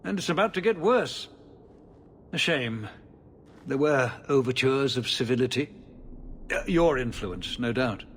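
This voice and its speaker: A man's voice: mid-range voice, expressive, a little slow, pauses often, a bit bright, slightly rough. A man playing a weary, rueful ruler in a video game, speaking in clipped, ironic phrases. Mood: weary irony.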